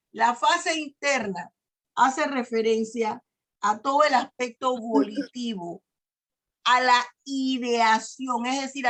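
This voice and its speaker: A woman's voice: fairly high pitch, a bit bright. A woman law lecturer explaining step by step, acting out a first-person example for her students. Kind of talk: university lecture.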